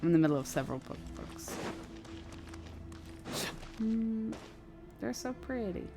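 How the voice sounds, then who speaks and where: A woman game streamer chats casually while playing on a livestream, rambling and thinking aloud. Her voice sits on the high side with big pitch swings, and she speaks unhurriedly. Game music plays in the background.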